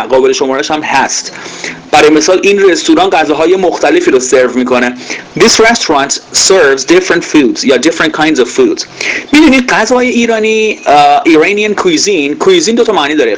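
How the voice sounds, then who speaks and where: A man teaching English grammar in Persian, saying each English example sentence slowly with many filler pauses. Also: a little high, poor audio. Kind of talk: recorded grammar lesson.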